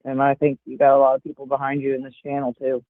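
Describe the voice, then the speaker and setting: Chatting casually as a livestream guest, a woman in her 40s rambles fast with many fillers in an extremely low, completely flat voice. The recording is dry, captured via earbuds over a tinny, phone-like call line.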